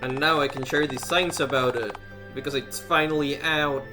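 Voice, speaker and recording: A man in casual, thoughtful chat on a game stream, pausing and restarting as he talks. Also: mid-range voice, fairly even intonation. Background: game music.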